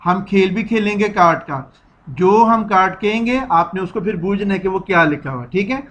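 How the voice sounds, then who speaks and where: A man's voice: sits high, lively intonation, moderate pace, a bit bright. A man with a Pakistani Urdu accent teaching children the alphabet, patiently repeating each sound for them to echo. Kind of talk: children's alphabet lesson, slow drilled repetition.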